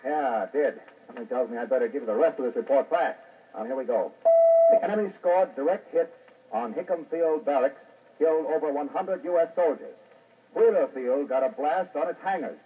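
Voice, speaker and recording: An actor playing an urgent male wire reporter who dictates news over the phone in brisk, clipped bursts, in 1940s radio acting on an old newsreel-style broadcast. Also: fairly high pitch, recorded from a distance, phone-quality sound. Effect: old newsreel-style radio broadcast sound.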